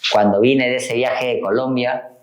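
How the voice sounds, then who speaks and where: Man, podcast guest, animated storyteller, mid-pitched voice, reverberant room. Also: moderate pace. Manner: storytelling, acts out quoted dialogue. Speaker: guest, continuous improvement engineer. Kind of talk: casual podcast conversation.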